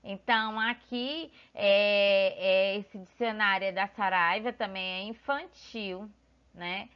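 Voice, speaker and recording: A woman's voice: mid-range voice, steady tone, slow pace, smooth, dull audio. A woman teacher, patiently explaining a lesson to children and pointing things out as she goes. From Brazil.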